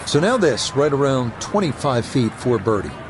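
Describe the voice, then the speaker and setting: A man giving measured, understated play-by-play as a golf commentator. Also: medium pitch, big pitch swings, noisy background.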